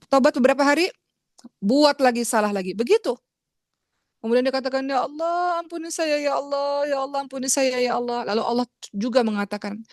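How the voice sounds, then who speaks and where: Speaking to her audience as friends and referring to herself as Uma, an Indonesian woman preaches an earnest religious talk. Her tone is darkish, and she plays out pleading prayers with her pitch climbing, in a studio-quality recording with no room sound.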